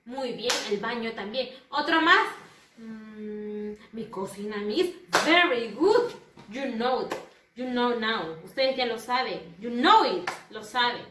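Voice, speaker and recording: A woman teaching English to young children in an online lesson, speaking slowly and having the class repeat each word after her. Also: on the high side, animated. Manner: slow, repeating words for children to say back. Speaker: primary school English teacher. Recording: roomy, slightly distant, faint noise.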